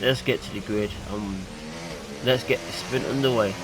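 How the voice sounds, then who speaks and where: A chatty, excitable young man, a YouTuber with a hay-fever nasal voice, casually commentates the racing game he's playing. He speaks on the low side at a moderate pace. The home recording is noisy.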